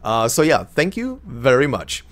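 A Croatian-speaking man in his thirties hosts a let's play, chatting casually and rambling with many fillers and self-corrections. His mid-range voice is a bit bright and a little slow, with huge pitch swings, and faint game music plays behind.

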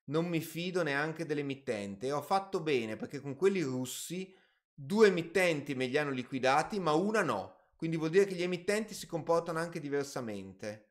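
A man's voice: on the high side, lively intonation, normal speed. A man hosting a casual live stream about personal finance, reading viewer questions aloud and answering off the cuff with hedges and asides. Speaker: finance channel host.

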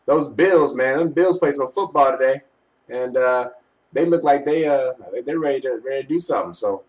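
A man's voice: mid-range voice, normal speed, darkish tone. Young guy talking football trash casually, slangy, webcam in a bedroom, little bit off mic. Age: young adult. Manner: slangy, teasing trash talk. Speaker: sports fan vlogger. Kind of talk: casual postgame commentary. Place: small bedroom, indoors. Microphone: webcam at arm's length. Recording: home webcam, slightly distant mic.

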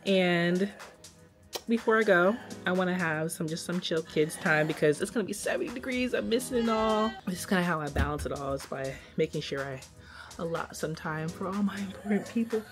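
A woman's voice: lowish voice, fairly quick. A woman in her thirties, a mother vlogging, talking in an upbeat, chatty way straight to her viewers. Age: 30s. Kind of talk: casual vlog chat. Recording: background music. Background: music playing under the talk.

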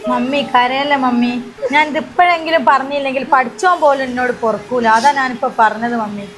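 A woman playing a gentle consoling young daughter-in-law. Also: high voice, brisk. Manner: soothing, consoling. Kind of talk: amateur short-video drama. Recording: music clearly heard behind voice.

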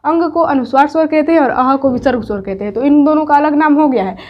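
High-voiced woman teaching grammar. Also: quick pace, muffled recording. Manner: explains step by step, asks and answers her own questions. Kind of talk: grammar lesson for exam students.

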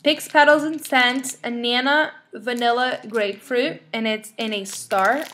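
A woman's voice: fairly high pitch, steady tone, a little slow, sharp tone, a little hiss or hum. A young woman casually chatting to viewers in a rambling, bubbly way while reading out product names one by one. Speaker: vlogger showing wax melts. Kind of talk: casual chatty haul vlog.

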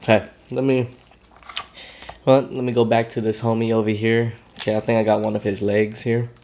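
A man's voice: lowish voice, level tone, moderate pace, a little mellow, a little hiss or hum. Man chatting between bites of food. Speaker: mukbang host. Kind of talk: casual talk while eating on camera.

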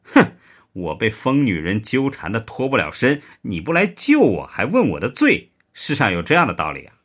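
Man voicing a gruff middle-aged spymaster, low and curt, clipped lines. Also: wildly swooping pitch, moderate pace, a bit bright. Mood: stern, gruff. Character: stern, curt male spy chief, middle-aged.

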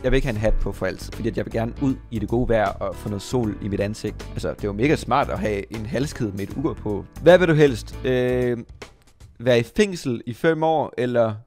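A young man talks casually and playfully to his audience, wandering off topic and joking at his own expense. His voice sits in the middle of the male range, and soft music plays under it. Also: mid-range voice. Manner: playful, rambling, self-mocking. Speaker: gaming YouTuber. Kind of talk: casual commentary to viewers.

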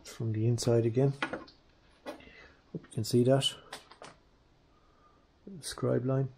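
Slow and gravelly at medium pitch, a man narrates a casual how-to in his garage workshop against background noise. The restoration vlogger is relaxed, thinking out loud as he works and speaking to viewers as "guys."

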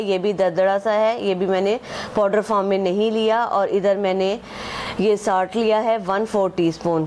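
With a slightly mellow, mid-range voice and a bit of background noise, this home cooking host casually explains her recipe step by step. She points things out often using "acha ji" and "ye dekhen" and blends English measures into Hindi-Urdu.

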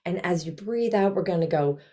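An older woman with a slightly low voice teaches young children over a video call. She explains things in simple steps and gives encouraging instructions, as an author speaking to a class. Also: lively intonation, a little fast, dark tone. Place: small indoor room at home. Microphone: video call, computer mic at desk distance.

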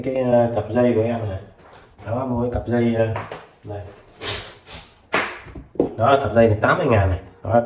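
A man giving a casual product demonstration of measuring tools, chatting with viewers in sales patter. The recording is sped up, so his voice sounds higher. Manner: chatty sales patter, addresses viewers as "các bác", fills every pause with "đấy", "đó". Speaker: seller of used measuring tools. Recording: echoey room.

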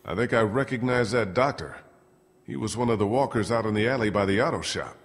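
An actor playing a weary, practical survivor in a video game, in a low-key, musing manner. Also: male voice, brisk, close to an everyday voice. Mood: grave. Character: weary, practical male survivor searching for clues.

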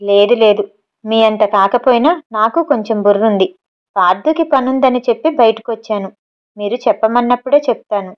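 A woman reading the lines of a gentle, caring young woman who speaks reassuringly. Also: a little high, brisk, highs cut off, close to an everyday voice.

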